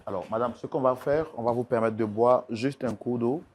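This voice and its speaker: A man hosting a talk show as mediator, firmly and gently calming a distressed guest with repeated requests. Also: mid-range voice, fairly quick, a little hiss or hum. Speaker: mediator host.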